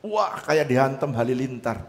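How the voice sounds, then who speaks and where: Pastor preaching in a reverberant hall. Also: male voice, medium pitch, normal speed. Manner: animated storytelling, swinging between loud and soft. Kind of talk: sermon.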